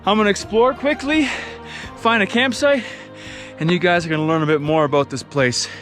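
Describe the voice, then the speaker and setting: An excited man with a somewhat high voice talks to his camera as he explores a ruin. He keeps urging the viewer to look and wonders aloud at each find. He sounds a little out of breath, recorded outdoors on a camera mic. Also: a little fast, faint music behind. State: slightly out of breath. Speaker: adventure vlogger. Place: outdoors at a hilltop castle ruin.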